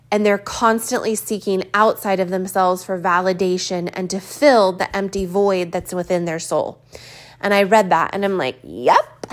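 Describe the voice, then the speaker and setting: A woman in her early forties talking candidly in a reflective personal vlog, thinking aloud with pauses and fillers. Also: medium pitch. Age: 40s. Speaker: vlogger.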